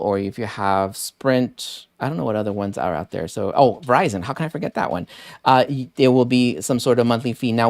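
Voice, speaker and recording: A man's voice: medium pitch, dry recording, clean studio sound. A man hosting a live deals stream, chatting casually and rambling with many fillers while thanking viewers by name. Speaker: livestream deals host.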